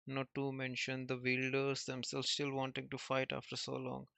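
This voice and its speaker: A man reading the lines of a boisterous, proud old giant warrior in a comic, louder than his usual reading voice. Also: medium pitch, completely flat delivery, moderate pace, gravelly, no room sound. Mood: hearty.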